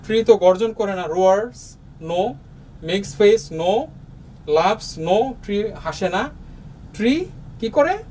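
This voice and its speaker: Slow, patient Bangladeshi man teaching. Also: sits high, expressive, a little mellow, recorded from a distance, low-quality recording. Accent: Bangladeshi Bengali. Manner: slow, patient, with many pauses and fillers. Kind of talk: explaining a lesson to young students. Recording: voice from off the mic, faint room noise.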